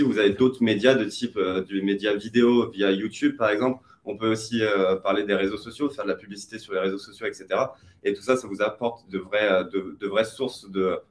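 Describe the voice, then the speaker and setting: A man from France with a somewhat low voice explains how online advertising works. He hesitates often, circles back and restarts his sentences as he lays out the ideas in a webinar. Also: fairly even intonation, a little fast, few pauses.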